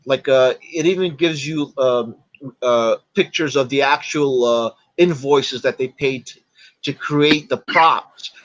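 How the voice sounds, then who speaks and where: A man chatting as a podcast guest, retelling stories in a halting way, full of fillers and restarts. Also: fairly high pitch, fairly bright tone, highs cut off. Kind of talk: casual podcast chat.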